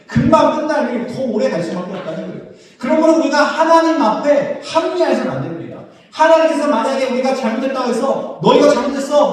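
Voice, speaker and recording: A man preaching a sermon as pastor, acting out biblical dialogue in a casual, lively way. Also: high voice. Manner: leads congregation in slow unison scripture reading. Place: church sanctuary. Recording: echoey church hall, mic at a distance.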